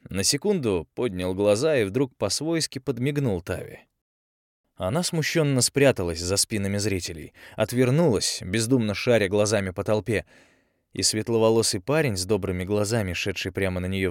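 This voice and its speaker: A man narrating an audiobook in an expressive, measured storytelling manner. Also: on the low side, no echo, studio quality. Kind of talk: scripted narration.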